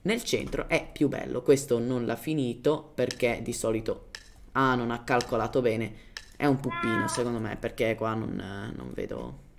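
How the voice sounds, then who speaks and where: At a normal speed, a man with a creaky, mid-range voice gives casual game tutorial commentary against slight background noise. He is a German native speaker from Germany who hosts gaming tutorials. Informal in manner, he searches for words in Italian and drops in English terms.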